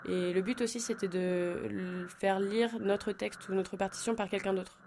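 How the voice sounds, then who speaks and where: A woman's voice: medium pitch, fairly even intonation, normal speed, background noise. A young woman, an art student, chatting casually in a radio interview with many hesitant fillers.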